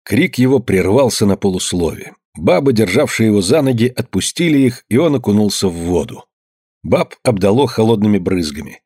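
A man narrating an audiobook in a measured, grave storytelling manner. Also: fairly low pitch, expressive, darkish tone, breathy edge, no echo, clean studio sound. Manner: measured, grave storytelling, slowing at somber moments.

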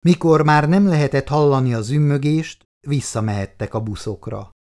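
A man reading an audiobook aloud in a calm, measured storytelling manner. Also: medium pitch. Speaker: audiobook reader. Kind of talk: scripted narration.

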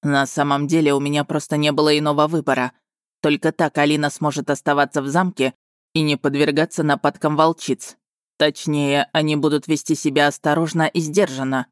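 A man voicing a commanding wolf lord who speaks steely, calm and sardonic in an audiobook. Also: on the high side, fairly quick, clean tone, no echo, clean studio sound, close to an everyday voice. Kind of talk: audiobook dialogue reading.

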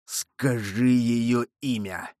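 A cold, merciless young avenger hidden in a monk's robe, as a male reader puts him on, pronouncing judgment very slowly. Every word comes stern and accusing in a mid-pitched voice. It sounds close and dry, like a studio audiobook. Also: steady tone, no room sound, lightly acted. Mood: demanding. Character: vengeful young man disguised as monk, cold and merciless. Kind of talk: audiobook character reading.

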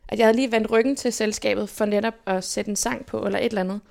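A young woman from Denmark, telling stories from her life as an interview guest in a lively way and acting out what people said. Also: medium pitch, creaky. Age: young adult. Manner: lively, animated retelling with quoted inner speech. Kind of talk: casual personal storytelling.

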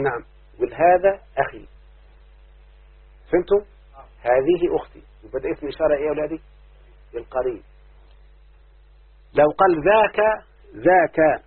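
A man with an Egyptian accent teaching an Arabic grammar lesson, often checking whether his students have understood and slowly chanting verses. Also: a little high, slightly rough. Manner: keeps asking students if they understood. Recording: muffled lo-fi phone-like lesson recording.

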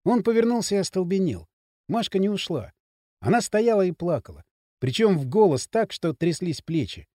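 A male audiobook narrator with an expressive, dramatic delivery. His pitch sits a bit high and moves widely, and his tone is dark and mellow. The recording is dry, with no room sound. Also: normal speed, dry recording. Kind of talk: scripted narration.

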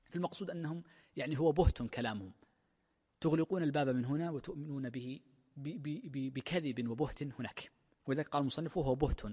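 A man, a sheikh, giving a classical lecture on a text of legal theory, explaining step by step with drawn-out fillers. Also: on the high side, a little mellow, husky. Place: large mosque hall. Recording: long mosque-hall reverb.

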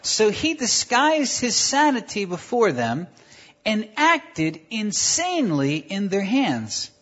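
Animated preacher, husky voice, lo-fi recording. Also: mid-range voice, takes it slowly. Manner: animated, acts out the story with stutters and shouts. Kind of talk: sermon with live interpretation.

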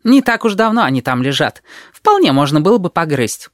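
A man doing a shrill, fussy teenage boy. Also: big pitch swings, fairly bright tone, no echo, clean studio sound. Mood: coaxing. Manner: fussy, bossy, quick to object. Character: excitable chattering teenage boy.

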